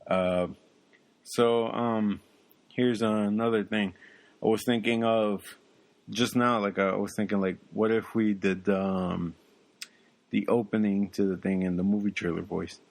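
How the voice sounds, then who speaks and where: Low-voiced rambling podcast guy. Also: steady tone, measured pace, creaky, dry recording. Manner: rambling, with many ums and uhs. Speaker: podcast co-host. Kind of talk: casual chat.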